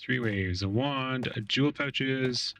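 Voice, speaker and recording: A man's voice: medium pitch, slow, creaky, a bit bright, recorded from a distance, a little hiss or hum. A man streaming a game live through a voice changer, chatting casually with viewers while he plays.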